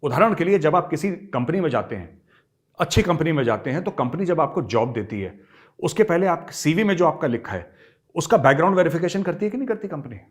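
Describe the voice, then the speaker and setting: A man's voice: on the high side, big pitch swings, brisk. A middle-aged man giving emphatic political commentary, talking straight to his viewers and repeating his points for emphasis. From India.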